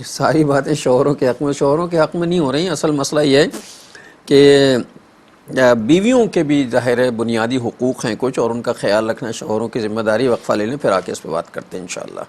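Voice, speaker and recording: A male host of a religious TV talk show who speaks conversationally, explains things calmly and addresses the viewers directly. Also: mid-range voice.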